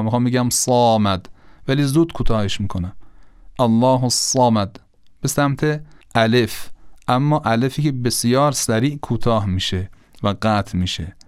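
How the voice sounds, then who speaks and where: A man gives a patient pronunciation lesson, saying each sound aloud to demonstrate it. His voice is exceptionally smooth and resonant. The sound is dry and close, with no room around it. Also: medium pitch, no room sound. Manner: patient, explanatory, demonstrates sounds by repeating them. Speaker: recitation teacher.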